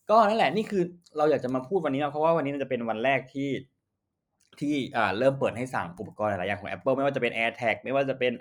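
A young man talks through a casual solo podcast at a middle pitch. He is chatty and slangy, often correcting himself, and leans hard on emphatic words when he gives buying advice. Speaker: podcast host. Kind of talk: casual tech advice rant.

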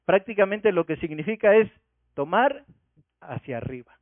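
High-voiced preacher on tinny radio. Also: male voice, sing-song, normal speed, no room sound. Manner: preaching with rhetorical questions. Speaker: pastor. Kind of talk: sermon. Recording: tinny phone-like radio sound.

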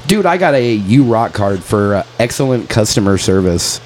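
A man in his late thirties talks on a casual podcast, his voice sitting low. He swears freely and drops dude into every sentence. A faint background hum runs under the recording. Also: sing-song, normal speed, a little mellow, low-quality recording. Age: 30s. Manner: profane, calls everyone dude, venting frustration. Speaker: podcast co-host. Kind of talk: casual chat.

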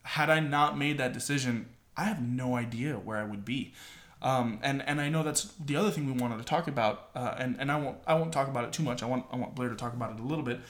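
A young man, a podcast guest, speaking sincerely and haltingly, often repeating words as he talks about faith and family. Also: medium pitch, fairly bright tone. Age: 20s. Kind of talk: casual interview chat. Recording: roomy echo.

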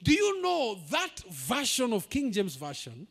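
A man preaching a sermon as pastor, emphatic and building to shouts, with asides in Swahili. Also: extremely high pitch, huge pitch swings, measured pace, vocal fry.

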